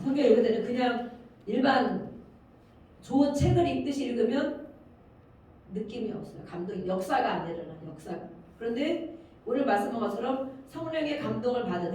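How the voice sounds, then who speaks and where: Older woman pastor preaching in an echoey hall. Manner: earnest, swells loud on key phrases then drops low. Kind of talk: sermon. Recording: very echoey room, speaker far from mic.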